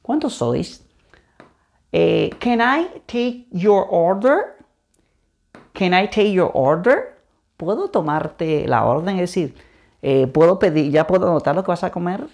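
Energetic woman teaching phrases. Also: on the low side, measured pace. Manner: energetic, repeats phrases for practice. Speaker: YouTube English teacher. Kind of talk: casual lesson.

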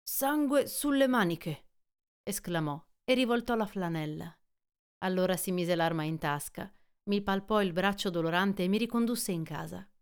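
A woman reading a classic adventure novel aloud as an audiobook, in an even, measured storytelling manner. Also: lowish voice, clear, resonant tone. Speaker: audiobook reader. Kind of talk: scripted literary narration.

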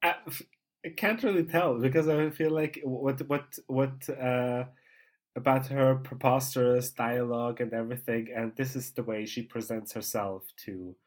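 A man co-hosting a podcast, chatting casually with frequent laughter and halting, hesitant phrasing. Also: mid-range voice, fairly even intonation. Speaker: podcast co-host. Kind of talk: casual chat about a TV show.

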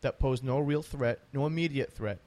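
A man's voice: mid-range voice, normal speed, darkish tone. A man hosting a conversational interview, talking emphatically and repeating phrases to drive points home. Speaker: interview host.

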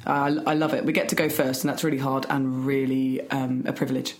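A woman co-hosting a casual chat show, with warm, quick reactions. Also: rumbling low, flat delivery. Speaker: podcast co-host.

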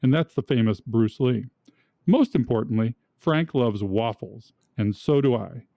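A man's voice: mid-range voice, animated, unhurried, creaky, mellow, no room sound, clean studio sound. A man hosting a podcast, reading a scripted guest introduction and talking with his co-host.

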